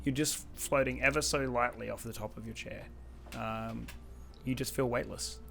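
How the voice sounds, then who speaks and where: A man narrates as game master for a tabletop game, describing what the players see and feel. His pitch sits in the middle, and he often breaks into giggles. Music plays behind him. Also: fairly even intonation, normal speed, gravelly, bright, forceful tone.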